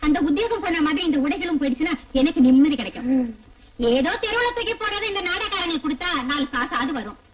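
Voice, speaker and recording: A blunt, impatient wife in a dubbed film, talking fast in a very high voice. The dialogue sounds set back from the mic. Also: female voice, animated, distant mic. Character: practical, scolding wife of a fallen royal.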